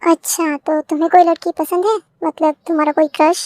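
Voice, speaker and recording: A commanding young boss from a homemade fan dub, voiced by a woman. The voice sits very high for a man, with short, clipped orders. It sounds like an amateur reading rather than a deep studio performance. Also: flat delivery, a little fast, a little mellow, a little hiss or hum. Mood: curious. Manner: commanding, curt. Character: cold young businessman boss.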